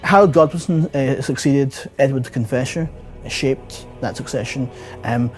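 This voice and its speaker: A man giving unscripted expert commentary in a documentary interview, with halting, hesitant phrasing. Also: mid-range voice, faint music behind.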